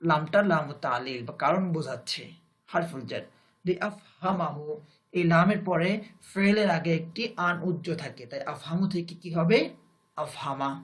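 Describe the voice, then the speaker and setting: Male teacher with a Bangladeshi Bengali accent, high voice, slow and deliberate, repeats phrases and then translates them. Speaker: Arabic grammar teacher. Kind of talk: recorded grammar lesson.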